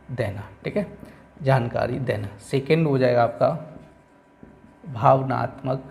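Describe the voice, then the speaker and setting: Gravelly guy teacher going over exam questions, keeps repeating answers. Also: medium pitch, a little mellow, slight background noise. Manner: repeats answers with "ठीक है", reads questions slowly. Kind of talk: exam-prep lesson. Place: coaching classroom.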